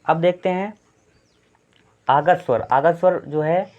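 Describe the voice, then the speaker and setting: A man leads a Hindi grammar lesson for exam candidates, his voice sitting a touch higher than most men's. He works through each point patiently and repeats it. The sound is a little muffled and lo-fi. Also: slow, a little mellow. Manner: explanatory, repetitive, frequent "thik hai" check-ins. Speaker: teacher. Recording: slightly dull lo-fi sound.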